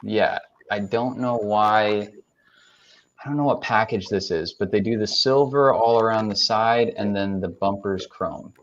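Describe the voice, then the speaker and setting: Low-voiced man, lo-fi sound. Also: unhurried. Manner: laid-back, hesitant with ums and I-don't-knows. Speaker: co-host. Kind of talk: casual chat reviewing trucks. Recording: dull lo-fi sound.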